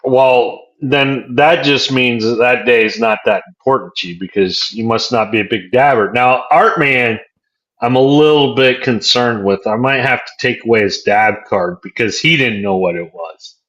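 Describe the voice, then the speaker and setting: A man's voice: medium pitch, moderate pace, a bit bright. A man co-hosting a casual chat, crude and joking, often laughing. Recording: dull lo-fi call audio.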